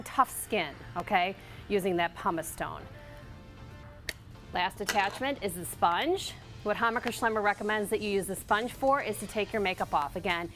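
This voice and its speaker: A woman hosts a television lifestyle show and talks viewers through products. Her voice sits at an ordinary female pitch, and she uses conversational sales patter with little check-in tags. Music plays under her talk. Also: a bit bright.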